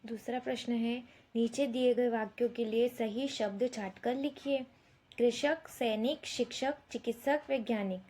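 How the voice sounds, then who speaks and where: A woman teacher, slowly dictating answers word by word to young schoolchildren, repeating each question. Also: fairly high pitch, fairly even intonation, mellow. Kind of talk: slow dictated Hindi lesson for young children.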